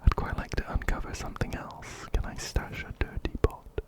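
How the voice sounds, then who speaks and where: At a normal speed, an ASMR host whispers soft, breathy game commentary up close to a binaural microphone. He gently repeats phrases to keep things soothing as he plays a video game.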